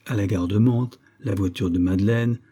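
A male audiobook narrator reading a novel in a measured, expressive way. His voice is low and dark, with a husky grain. The reading stays steady and scripted.

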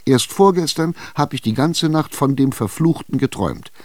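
A fretful old widow , as a male reader puts her on, drags out her words in a low, hesitant whine. She sounds stubborn and easily frightened, and the dry, close recording of this radio play keeps every sigh near. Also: expressive, dry recording, full character voice. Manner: slow, hesitant, whining. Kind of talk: radio drama reading.

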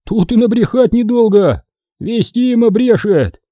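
A man's voice: sits high, animated, unhurried, dry recording, lo-fi sound, pitched above the performer's own voice. A male narrator voicing doubtful, grumbling peasant men questioning a stranger in an audiobook. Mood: skeptical. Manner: skeptical, querulous.

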